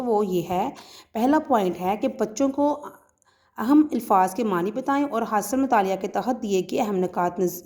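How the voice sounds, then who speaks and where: A woman's voice: mid-range voice, darkish tone. A woman school teacher from Pakistan giving a recorded lesson to children, patiently explaining word meanings with fillers and restarts. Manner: patient explaining with frequent fillers and restarts, recites poetry in a measured lilt.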